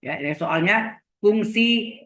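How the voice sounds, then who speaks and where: A middle-aged man lecturing on engineering mathematics, talking slowly, repeating terms and checking that the class follows. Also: sits high, expressive, pushed and bright. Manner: slow, repeats terms, asks checking questions. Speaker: university lecturer. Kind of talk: live lecture on vector calculus. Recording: echoey room.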